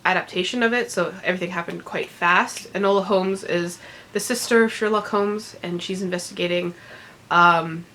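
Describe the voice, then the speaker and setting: In this unedited book chat, a woman vlogger rambles casually about her reading, full of ums and small laughs, sounding congested as she recovers from being sick. She has a fairly low pitch, a moderate pace and a fairly bright tone. There's a little hiss or hum.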